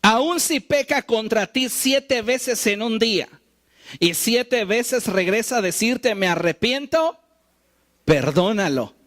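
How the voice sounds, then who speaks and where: A man preaching a sermon, animated and wry, acting out the quoted lines he tells. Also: high-pitched, slow pace. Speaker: pastor.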